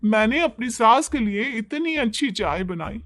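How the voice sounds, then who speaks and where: Whiny, dramatic young wife, high and complaining, put on by a man. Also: lively intonation, unhurried, a bit bright, no echo, full character voice.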